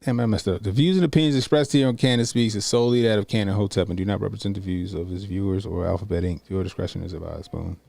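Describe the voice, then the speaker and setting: Quick and barely pausing, a low, gravelly yet mellow male voice belongs to a reaction streamer in his early forties. He talks loosely and profanely, musing aloud as he queues up a video to react to. There is no room sound.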